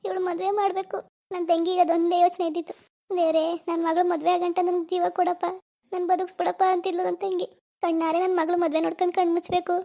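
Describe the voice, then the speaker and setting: A woman's voice: very high-pitched, little pitch movement, fast, warm tone. A woman doing a lamenting old village aunt. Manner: lamenting, tearful storytelling. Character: elderly village aunt mourning her sister. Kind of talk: cartoon voice acting.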